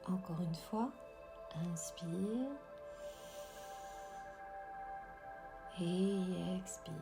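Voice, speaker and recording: A woman guiding a breathing meditation in a soft, half-whispered, breathy voice, calm and slow with long pauses. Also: lowish voice, over music. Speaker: guided meditation host.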